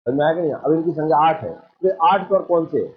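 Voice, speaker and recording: Male coaching teacher, a bit high-voiced, tinny phone-like sound, drills the class with questions. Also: lively intonation, quick pace. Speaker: Hindi teacher. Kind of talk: exam coaching lecture.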